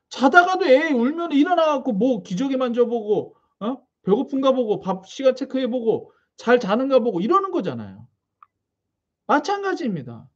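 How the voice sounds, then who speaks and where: Husky, wildly animated Korean-language preacher. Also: high voice. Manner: conversational, asks the congregation questions. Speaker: pastor. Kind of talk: sermon. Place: small church. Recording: dull lo-fi recording.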